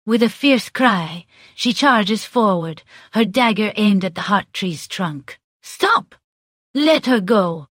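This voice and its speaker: A woman reading her character's part of a role-play story in a clear, even way. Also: mid-range voice, dry recording, studio quality. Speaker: player narrating her character.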